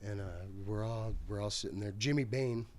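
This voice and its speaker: A man's voice: lowish voice, steady tone, brisk, slight background noise. A middle-aged man telling a rambling backstage story as a podcast guest, slangy and laughing often. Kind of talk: casual storytelling chat.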